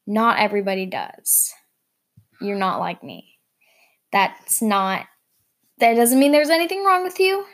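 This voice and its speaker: A woman's voice: a little high, big pitch swings, a little slow, long pauses, a bit bright. A young woman hosting a casual vlog, chatting in an upbeat, rambling way with lots of fillers. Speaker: vlog host.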